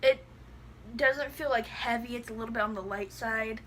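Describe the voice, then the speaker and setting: A woman's voice: fairly high pitch, normal speed, sharp tone, slight background noise. A woman with a lisp that makes her s sound slushy, chatting casually and bluntly through a product review, rambling with lots of "like". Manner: blunt, rambling, heavy use of "like".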